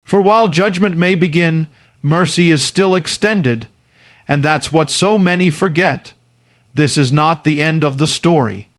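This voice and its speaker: A man's voice: a little high, unhurried, no echo. A man delivering a scripted motivational sermon as a preacher, urgently exhorting in short, punchy, repeated phrases.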